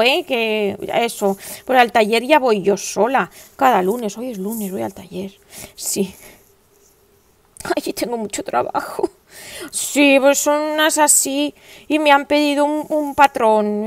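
Woman in her forties, crochet vlogger, gravelly, chatty, rambling. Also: fairly high pitch, no echo. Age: 40s. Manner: chatty, rambling and self-mocking. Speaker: crochet channel host. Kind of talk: casual chat while crocheting.

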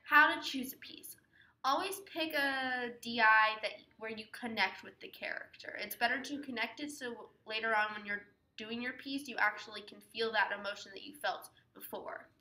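A woman's voice: fairly high pitch, normal speed, bright, forceful tone, echoey room, low-quality recording. A teenage girl explaining how to prepare a dramatic interpretation piece, reading out headings and then explaining them with fillers. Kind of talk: casual instructional talk.

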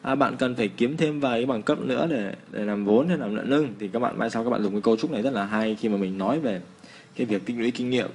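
A man with a Vietnamese accent teaching English phrases in a casual lesson, slowing down to model the pronunciation. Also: medium pitch, a little hiss or hum.

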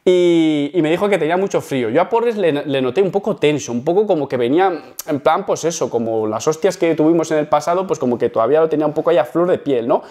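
A man's voice: a little high, animated, fast, darkish tone. A man, telling a story to camera in a chatty, self-mocking way. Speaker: YouTuber. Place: home setup facing a camera.

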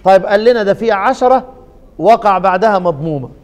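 An Egyptian man teaches a class on the Quranic readings in a fairly high voice. He keeps prompting students with half-finished questions and draws out each verse he quotes, and his voice carries a long reverb as if in a large hall. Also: lively intonation, fast talker, a little mellow. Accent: Egyptian Arabic.

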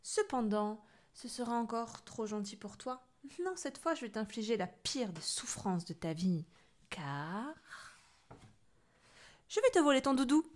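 A woman voicing a huge, grumpy female witch who hurls comic insults and menacing threats in a loud, growling manner. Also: a little high, very animated, a little slow, long pauses. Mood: furious.

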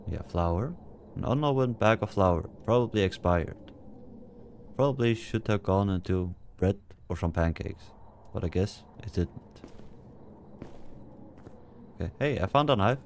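A man's voice: fairly low pitch, animated, unhurried, long pauses, a little hiss or hum. A man casually commenting as he plays a horror game, muttering to himself with jumpy, nervous asides. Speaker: let's play gamer.

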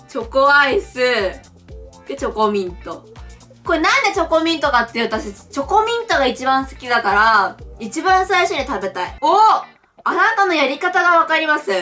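A woman's voice: high voice, sharp tone. A young woman from Japan playing a mobile quiz game, reading the questions aloud and reacting with chatty, giggly, blunt comments. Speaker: game streamer. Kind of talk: casual playthrough commentary.

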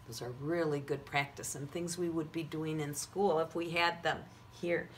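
A woman's voice: deep voice, steady tone, moderate pace. A woman teaching preschoolers like a kids' show host, with sing-song delivery and simple repeated questions for young children. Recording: noticeable background noise.

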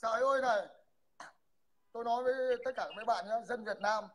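A man's voice: extremely high pitch, fairly quick, a bit bright. A man, a livestream guest, mocking someone and addressing the audience.

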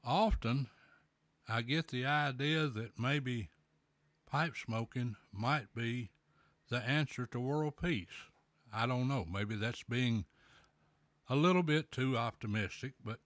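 A middle-aged man hosting a show, talking in a slow, folksy, plainspoken way with a pipe in his mouth. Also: medium pitch, a bit bright, no room sound. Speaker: podcast host. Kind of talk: casual solo talk.

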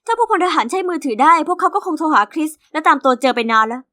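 A woman narrating as a cheeky teenage orphan girl in an animated diary story. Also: sits high, fast talker, full character voice. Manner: lively, cheeky first-person storytelling.

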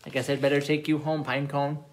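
A man voicing a gentle little penguin. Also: on the high side, level tone, a little fast, pitched below the performer's own voice, natural voice.

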